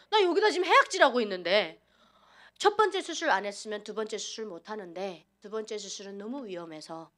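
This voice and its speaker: A woman from North Korea gives a church testimony in a high voice. Her pitch swings widely. She talks in an animated, dramatic way and acts out each past scene. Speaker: testimony speaker at a church service.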